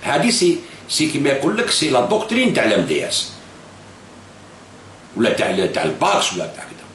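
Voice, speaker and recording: Fast, animated Algerian-accented man. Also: medium pitch. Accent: Algerian Arabic. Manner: switches between Algerian Arabic and French, repeats phrases for emphasis. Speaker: political video blogger. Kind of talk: direct-to-camera commentary. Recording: echoey room with faint hiss.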